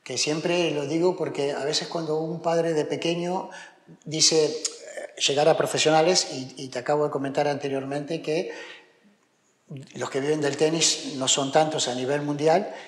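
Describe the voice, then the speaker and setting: A man's voice: fairly high pitch, steady tone, moderate pace. A middle-aged Argentine man with a somewhat raised voice, talking through an interview full of fillers and restarts that turns emphatic. He sits in a room that rings with echo and a long reverb tail. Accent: Argentine Spanish. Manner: hesitant, many fillers and restarts, grows emphatic. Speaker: tennis coach, interview guest. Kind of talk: conversational interview answers.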